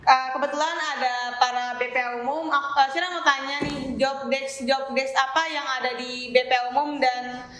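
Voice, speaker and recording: A woman's voice: high-pitched, steady tone, moderate pace, a bit bright, slight background noise. A young woman hosting a casual student podcast, asking breezy, chatty questions. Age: young adult. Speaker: podcast host. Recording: roomy room with faint music.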